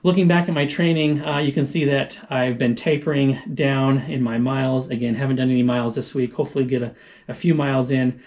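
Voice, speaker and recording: A man's voice: medium pitch, fairly even intonation, fairly quick, a little mellow. A man talking casually to camera as a running vlogger, explaining things informally and thinking aloud. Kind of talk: casual vlog talk to camera.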